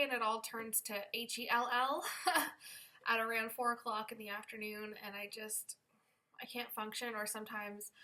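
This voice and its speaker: A young woman talks candidly to her camera in a casual vlog, sounding a bit tired. Her voice is bright and sits fairly high. She chats openly and gives the odd self-conscious laugh. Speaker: vlogger. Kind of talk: casual pregnancy update vlog.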